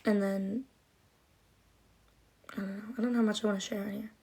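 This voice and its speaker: She's a woman in her twenties doing casual livestream chat, answering comments in a chatty, rambling way full of likes and ums. Her medium pitch holds a level tone, and she speaks briskly with a dark, husky quality, vocal fry, a slight lisp and trouble with her R's.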